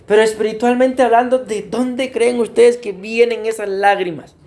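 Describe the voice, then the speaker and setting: A man's voice: high voice, steady tone, normal speed, a little mellow. A man preaching a sermon as pastor, often addressing his congregation as beloved brothers and putting questions to them. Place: church.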